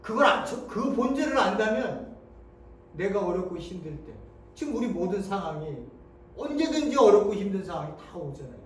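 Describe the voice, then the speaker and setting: A male pastor preaching a sermon, moving between hushed tones and loud rhetorical questions. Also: sits high, sing-song, normal speed, slight background noise. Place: church sanctuary. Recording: echoey church hall, mic from a distance.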